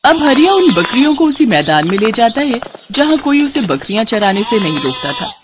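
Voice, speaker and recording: Expressive woman storyteller. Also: fairly high pitch, normal speed, noisy background. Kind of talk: scripted storybook narration.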